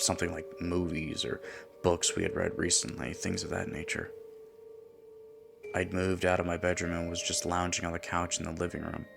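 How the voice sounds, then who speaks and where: A man with a very deep voice narrates a first-person horror story. His tone is gravelly, and his measured, hushed delivery sometimes drops into whispers. Music plays clearly underneath.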